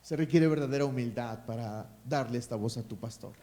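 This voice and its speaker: A man's voice: mid-range voice, fairly quick, warm tone. A man with a Mexican accent preaching a sermon as pastor, emphatic and calling for responses from the congregation.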